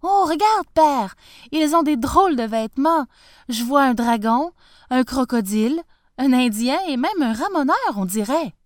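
A woman voicing an eager young boy, a clockmaker's son, who talks in an excited, wondering way. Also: on the high side, measured pace, few pauses, smooth, no echo, clean studio sound, pitched above the performer's own voice. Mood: amazed.

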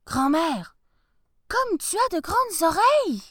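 A woman voicing an innocent, cheerful little girl in a storybook reading, speaking high and eager. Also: very animated, slow pace, a bit bright, no echo, studio quality, exaggerated voice.

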